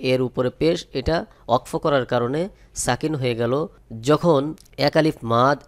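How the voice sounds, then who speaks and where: Guy teaching quran reading, spells letters then sings words out long, clear smooth voice. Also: mid-range voice. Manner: spells letters and vowels, then chants words slowly and drawn out. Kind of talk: step-by-step recitation lesson.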